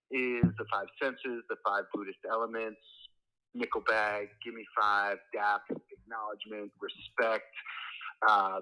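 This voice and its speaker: A man's voice: mid-range voice, sharp tone, rough recording. A man talking casually as a guest artist, heard through a phone on speaker with a laid-back, rambling, enthusiastic manner. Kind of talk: casual live chat. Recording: phone on speaker held away from the mic.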